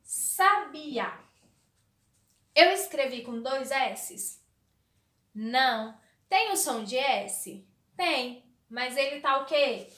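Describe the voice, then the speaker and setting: Slow sing-song woman teacher, echoey room. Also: sits high, expressive, bright, forceful tone. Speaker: primary school teacher. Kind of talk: recorded online lesson for young children.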